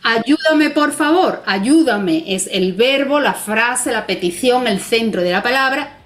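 A woman's voice: fairly high pitch, unhurried, fairly bright tone. Patient woman explaining grammar rules. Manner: patient, explanatory, frequent tag questions. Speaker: Spanish language expert guest. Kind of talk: explanatory conversation.

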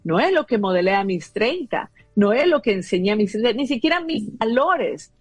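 A woman's voice: on the high side, very animated, moderate pace, husky, dry recording, faint music behind. A woman in her fifties talking as a guest about parenting, explaining earnestly with many fillers. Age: 50s. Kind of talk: conversational advice talk.

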